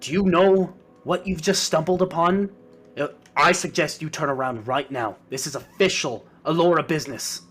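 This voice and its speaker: A man's voice: on the high side, normal speed, fairly bright tone, slightly rough, faint music behind. A man voicing a proud, stern male elf guard captain who barks orders in a commanding way. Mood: scornful. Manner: barking, commanding.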